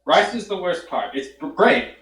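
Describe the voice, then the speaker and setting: A man's voice: on the high side, very animated, normal speed, fairly bright tone, roomy sound, poor audio. A man with an Australian accent calling in to a chat show, delivering an opinion in a laid-back, hesitant way. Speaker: caller. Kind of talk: casual chat.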